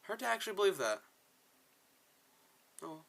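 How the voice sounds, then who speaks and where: A gaming video creator plays a video game while offering casual, opinionated commentary and reading dialogue aloud, often sounding exasperated. His voice is high and sing-song, with a creaky, fairly bright quality at a normal pace.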